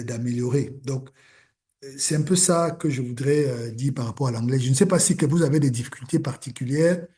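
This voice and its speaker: A man's voice: a little high, dark tone. A man leading an online learner group, urging them on, with many fillers and repeated words. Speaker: meeting facilitator. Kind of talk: encouraging talk to a learner group.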